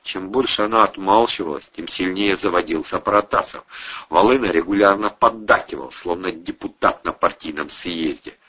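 Male audiobook narrator, very deep and husky, bright edge, measured reading, dull lo-fi sound.

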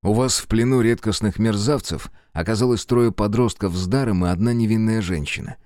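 A man's voice: fairly low pitch, brisk, a little mellow, dry recording, clean studio sound, close to an everyday voice. A man voicing a stern, bitter young man who questions in a curt, cold way.

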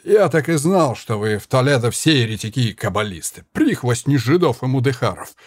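A man voicing a hot-tempered, drunk Spanish soldier who shouts and curses in slurred bluster. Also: mid-range voice, animated, fairly quick, dry recording, clean studio sound, close to an everyday voice. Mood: raging.

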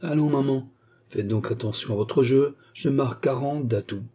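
A man voicing a brash young male rascal in an audiobook, cool-headed and insolent, bursting into loud cries. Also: mid-range voice, normal speed, husky, voice pushed up, natural voice. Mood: mocking.

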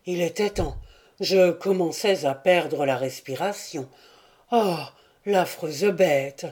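Strong male mechanic, blunt and offhand; a woman voices him, unhurried storybook reading. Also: on the low side, a little mellow, husky. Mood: shaken.

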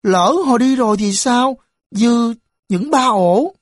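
A woman's voice: fairly high pitch, slow, no echo, clean studio sound, pitched above the performer's own voice. A woman voicing a timid, naive little boy in an audiobook. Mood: fretful. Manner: shy, fretful.

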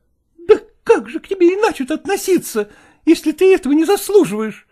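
A man reading a story aloud, voicing a jealous, demanding actress wife who scolds and shouts at her husband. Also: very high voice, big pitch swings, a little fast, pitched above the performer's own voice. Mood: angry. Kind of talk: audiobook character voice.

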